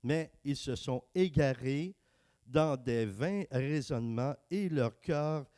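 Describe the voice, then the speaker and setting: A man preaching a casual, joking sermon and reading scripture slowly. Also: mid-range voice, expressive, warm tone. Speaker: preacher and worship singer. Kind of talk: casual sermon with sung worship.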